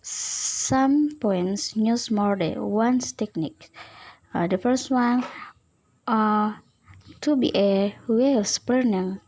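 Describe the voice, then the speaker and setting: A woman giving a student class presentation, reading slowly and hesitantly from her notes with small fillers. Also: mid-range voice, dark tone, slightly rough, low-quality recording.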